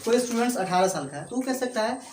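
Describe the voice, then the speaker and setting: A man's voice: very high voice, expressive, fast talker, reverberant, crowd noise. A man teaching English to a class with an Indian accent, repeating points and often checking that students follow. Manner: repetitive, checks understanding often.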